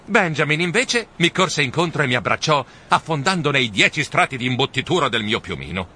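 A man reading a children's storybook aloud in the first person, with animated, expressive delivery. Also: fairly high pitch, a little fast, slight background noise. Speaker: audiobook narrator.

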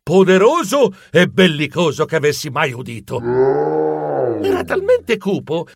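A man narrating a children's story in an animated, comic and expressive way. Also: on the high side, measured pace, slightly rough, no room sound, studio quality. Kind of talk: audiobook narration.

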